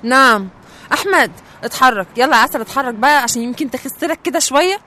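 A woman's voice: high-pitched, expressive, fast, pushed and bright. A woman with an Egyptian accent, teasing and sassy in comedic sketch banter.

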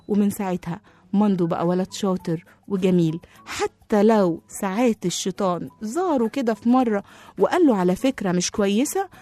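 A woman with an Egyptian accent narrating a children's story, lively and talking to young listeners. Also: mid-range voice. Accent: Egyptian Arabic.

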